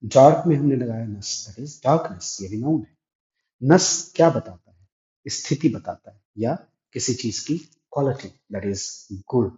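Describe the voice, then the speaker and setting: A man's voice: medium pitch, expressive, a little slow, warm tone. A man teaching English grammar step by step, asking and answering his own questions. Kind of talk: classroom-style grammar lesson. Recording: echoey room, dull lo-fi sound.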